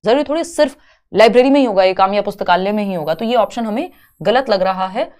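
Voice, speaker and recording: A woman's voice: medium pitch, animated, fast, a little mellow. A woman teaching an online exam-prep lesson, explaining each option step by step with rhetorical questions and English terms mixed in. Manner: mixes English terms into Hindi.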